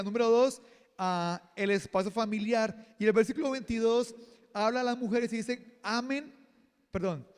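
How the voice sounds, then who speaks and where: A man preaching a sermon as pastor, lively and joking, acting out quotes. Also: high voice, clean tone, big-room sound. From Colombia. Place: church hall.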